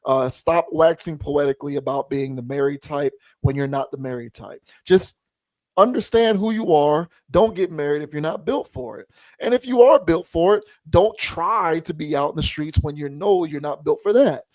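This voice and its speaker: A man hosting a podcast, giving his opinions in a measured, deliberate, somewhat preachy way. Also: on the high side, a little mellow, dry recording. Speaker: podcast host. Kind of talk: opinion commentary.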